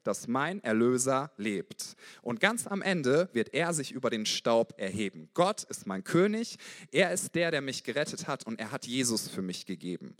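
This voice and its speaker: German guy preaching, lively swoopy voice, gets loud then real soft, bit high. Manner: passionate, gets loud, then drops to soft intimate tones. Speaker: guest preacher. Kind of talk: sermon.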